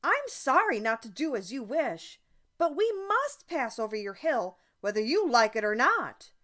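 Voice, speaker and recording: Woman playing the earnest, high-pitched Scarecrow. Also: big pitch swings, a little slow, sharp tone, exaggerated voice. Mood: polite, insistent. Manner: earnest, insistent. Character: polite, determined living scarecrow, male.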